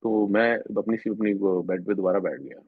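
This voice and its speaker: A man's voice: fairly low pitch, moderate pace, husky, dry recording. A man earnestly telling a rambling personal story of a spiritual experience at a devotional gathering, often restarting his sentences. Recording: tinny phone-like sound, dry.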